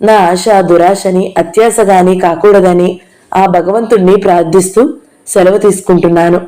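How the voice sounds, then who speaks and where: Woman playing a soft-spoken young mother, gentle, pleading, mellow warm tone, storybook reading. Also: lowish voice, fairly even intonation, moderate pace, natural voice, low-quality recording. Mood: sorrowful.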